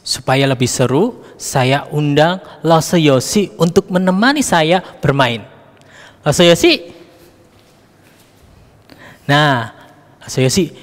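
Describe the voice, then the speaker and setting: A man's voice: a little high, long reverb tail. A man leading a children's Sunday school Bible lesson, coaxing and addressing the kids directly.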